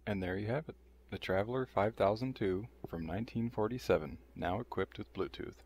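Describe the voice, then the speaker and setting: Showing off a restored vintage radio, a video host narrates the demonstration briskly in a lowish, dark voice. His tone stays dry, wry and matter-of-fact.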